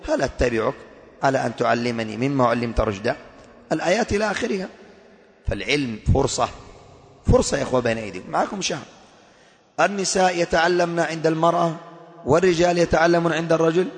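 A male preacher giving an animated religious lesson, demonstrating with gestures and exhorting his listeners. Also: on the high side, quick pace, long pauses. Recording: long hall reverb.

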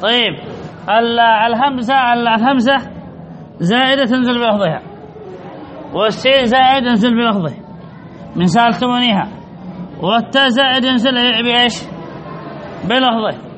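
A man's voice: extremely high pitch, moderate pace, pauses often, a bit bright, some chatter behind, low-quality recording. A man teaching word patterns to a class, repeating key points and answering his own questions. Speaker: Arabic grammar teacher.

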